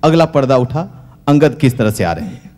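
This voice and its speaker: A man's voice: mid-range voice, big pitch swings, moderate pace, a little mellow. A man telling a comic story on stage, talking straight to the audience. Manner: conversational, addressing audience directly. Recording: stage recording with long hall reverb.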